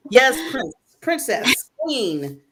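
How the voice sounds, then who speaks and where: A woman's voice: fairly high pitch, big pitch swings, very slow, background noise. A woman hosting a casual online talk show over a video call, chatty and laughing often.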